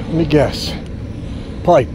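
At a city pond's edge, a magnet fishing vlogger gives relaxed commentary and reacts excitedly to each find. He speaks slowly, in an expressive voice on the high side. His chest-mounted action camera records loud wind and water noise outdoors.

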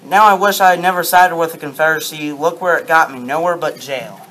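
A man's voice: on the high side, a little fast, bright, forceful tone, rough recording. A young man voicing a proud Confederate statesman in an amateur sock-puppet show, with stiff, recited lines. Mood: resigned. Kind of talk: amateur puppet-show role-play, scripted. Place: darkened room with projection screen, puppeteers low at front.

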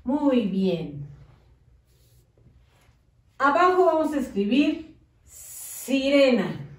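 A woman leads an early-literacy lesson at a very unhurried pace, stretching each syllable. Her fairly high voice sounds set back from the mic in an echoey room. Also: very animated, distant mic. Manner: patient, drawn-out syllables, coaxing children to follow. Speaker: teacher.

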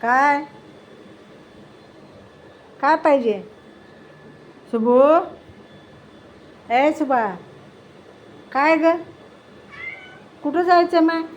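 High-voiced woman coaxing her cat. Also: extremely slow, long pauses, a little hiss or hum. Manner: coaxing, questioning a cat in a sing-song way. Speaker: cat owner. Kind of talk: casual home video talking to a pet cat.

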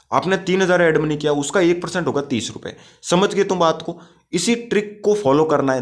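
Pushy, chummy man with a high-ish voice. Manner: direct and repetitive, often checking the listener understood; calls the viewer brother, chummy and insistent. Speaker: YouTube gaming-tips host. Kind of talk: casual tutorial narration over gameplay.

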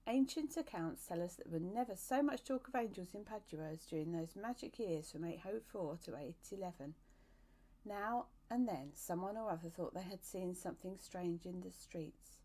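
A woman as storyteller, reading a novel aloud in a steady, even narration. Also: on the low side, normal speed.

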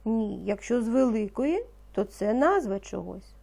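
Slow, lively woman teaching children to read. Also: on the high side, creaky. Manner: slow, patient, encouraging, pronounces words carefully. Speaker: primary school teacher. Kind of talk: reading lesson for young children.

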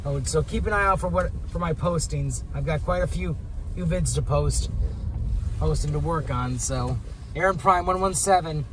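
A man's voice: a little high, normal speed. A young man from Michigan vlogging while driving, tired, rambling and often repeating and correcting his words. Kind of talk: casual talk to camera while driving. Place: inside a car on town streets. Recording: distant mic, loud road noise.

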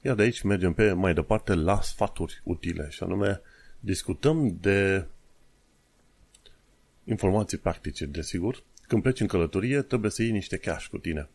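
Guy hosting a podcast, low mellow voice, dry close sound, chatty, repeats words slow to show how they sound. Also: animated, dry recording. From Romania. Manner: explains pronunciation, drawing out and repeating words. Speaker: podcast host. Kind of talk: casual podcast monologue.

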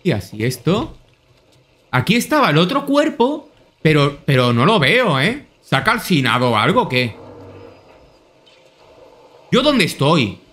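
A young man with a Spanish accent from Spain commentating his gameplay to himself, excitable and swearing freely. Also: fairly high pitch, a little slow, pauses often. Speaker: gameplay streamer.

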